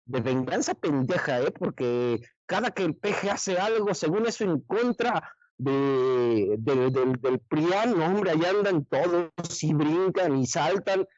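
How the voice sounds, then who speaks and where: A man's voice: on the high side, animated, measured pace, a little mellow, no echo, lo-fi sound. A man giving blunt, slangy political commentary on a radio panel. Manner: blunt and colloquial, full of slang and restarts.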